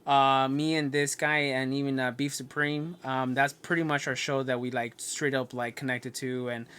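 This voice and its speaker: A man rambling through a laid-back podcast chat. He strings thoughts together with "um" and false starts, drifting as he goes, in a middle pitch. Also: little pitch movement, moderate pace, a bit bright, slight background noise. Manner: rambling, lots of "um" and restarts. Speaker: podcast co-host. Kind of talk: casual chat.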